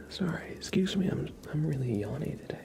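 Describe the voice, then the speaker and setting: A man with a fairly high, creaky voice hosts a livestream, whispering ASMR-style into a close mic that picks up mouth sounds. He reads out and thanks his chat softly and slowly, with light chuckles, over some background noise.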